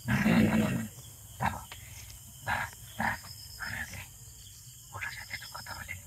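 A man speaking as a frightened male spirit haunting a brick kiln, pleading in a gravelly voice that drops into hushed whispers, in a noisy recording. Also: moderate pace, lightly acted. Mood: panicked. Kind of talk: possession session.

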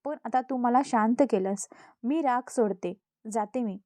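A woman's voice: a little high, measured pace, dark tone, no echo, close to an everyday voice. A woman voicing an earnest old wise woman. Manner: earnest, pleading, instructive. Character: wise, patient old woman, a disguised goddess.

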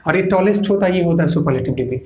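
A man's voice: fairly high pitch, expressive, rapid-fire, darkish tone. A male English grammar teacher giving a classroom lecture, explaining step by step, repeating points and answering his own questions. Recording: echoey room.

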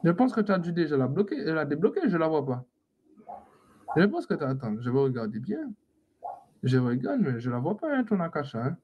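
Teasing live-stream host, higher-pitched man. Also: very animated, a little fast, lo-fi sound, slight background noise. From French Antilles. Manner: teasing, scolding viewers, laughing often. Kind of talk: casual live-stream chat.

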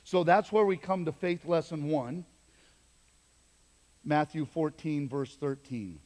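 Male pastor, animated preacher, higher voice, booming hall reverb. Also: takes it slowly. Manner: animated, emphatic preaching with asides. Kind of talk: sermon. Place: church sanctuary. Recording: long reverb of a church hall.

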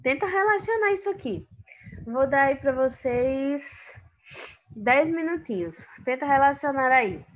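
Brazilian teacher giving a chatty lesson. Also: female voice, high voice, expressive, measured pace, muffled recording. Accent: Brazilian Portuguese. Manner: informal, explains step by step with many fillers. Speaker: Spanish teacher. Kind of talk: online class lesson.

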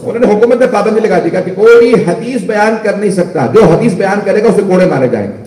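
A male cleric delivering an impassioned religious sermon in a crowded mosque, questioning the congregation directly and building to shouted emphasis. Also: sits high, expressive, fast, crowd noise. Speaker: Shia cleric preaching at a majlis. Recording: echoey mosque from a distance.

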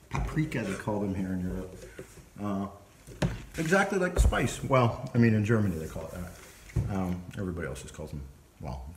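A man in his forties hosting a casual home cooking vlog, chatting playfully to the camera while he chops vegetables in his kitchen. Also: mid-range voice. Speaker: cooking show host. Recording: echoey kitchen with clear background noise.

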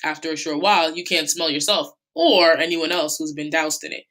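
Woman reading a brisk male police officer. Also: deep voice, a bit bright. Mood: dry.

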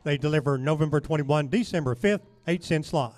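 Male auction announcer, slightly high voice, formal lot-by-lot reading. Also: brisk, a little mellow.

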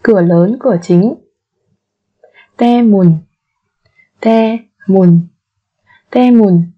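With a soft, husky, mid-range voice, this language teacher patiently leads vocabulary drills, repeating every word slowly again and again. The audio sounds dull, muffled, and lo-fi.

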